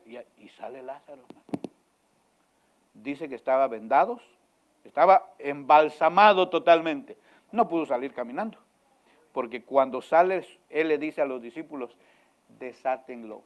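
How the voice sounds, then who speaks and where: A male pastor preaching in church, swinging from loud emphatic lines to hushed ones and questioning his congregation again and again. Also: a little high, lo-fi sound. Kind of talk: sermon.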